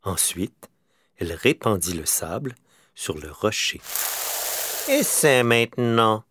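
A man reading a children's story aloud, slow and expressive. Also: deep voice, noisy background.

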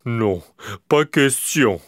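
A man's voice: mid-range voice, animated, drawn-out words, no room sound, pitched above the performer's own voice. A man voicing a timid, weepy little male bear cub in a storybook reading, with a plaintive, whiny tone.

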